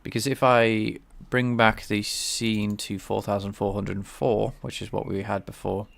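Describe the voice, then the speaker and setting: The recording is dry, and the man's lowish voice has vocal fry, little pitch movement, and a measured pace. A game developer streaming his work, he thinks aloud while live-coding and explaining his game engine in casual, hesitant commentary with many restarts. He sounds slightly nasal and blocked up from a cold.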